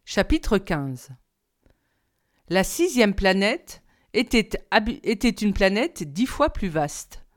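A woman narrating an audiobook reading in a calm, measured way. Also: medium pitch.

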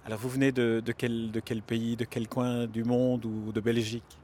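A man's voice: medium pitch, level tone, moderate pace, darkish tone. A male reporter conducts interviews outdoors at a city station. He asks his questions with frequent small restarts and repeated words. Faint traffic noise sits in the background. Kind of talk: field interview.

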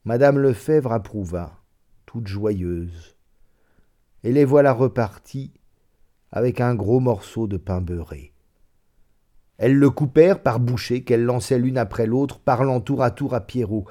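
A man's voice: mid-range voice, unhurried, dark tone. A man reading a classic short story aloud, narrating expressively and voicing the characters. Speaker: reader.

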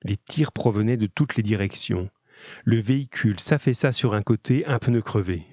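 A man reading a novel aloud in steady, measured narration. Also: on the low side, dry recording, muffled recording. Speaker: audiobook reader.

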